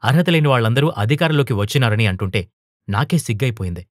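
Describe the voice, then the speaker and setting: A man voicing a timid young woman teacher in an audio storybook, hushed and hesitant. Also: medium pitch, animated, fast, no room sound, clean studio sound, lightly acted. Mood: placating.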